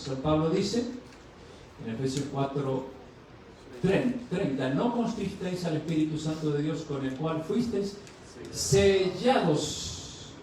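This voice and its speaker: A man's voice: a little high, mellow, slight background noise. A male pastor preaching a sermon, asking the congregation questions and acting out short dialogues in a raised voice. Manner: asks the congregation questions and answers them; acts out dialogues with rising voice. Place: church sanctuary. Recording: distant mic in a very echoey church.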